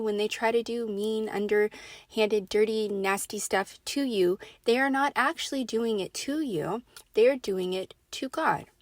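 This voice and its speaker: A woman's voice: on the high side, no room sound, studio quality. A woman giving a casual faith talk to her audience, emphatic and conversational, often checking in with "right?" and "okay?". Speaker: faith speaker. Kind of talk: casual preaching monologue.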